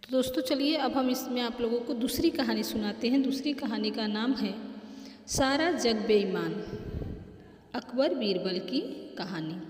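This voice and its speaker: A woman's voice: a little high, a little slow, darkish tone, slight background noise. A woman reading children's folk stories aloud as storyteller, carefully and with restarts. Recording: echoey room with long reverb.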